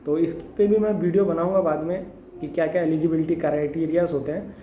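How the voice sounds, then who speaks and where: This young man hosts a crypto tutorial, walking through it step by step in a casual screen recording and slipping English tech terms into his speech. His voice is a little high and steady, and he talks fast. The sound is roomy, narrow and tinny, with a bit of hiss or hum.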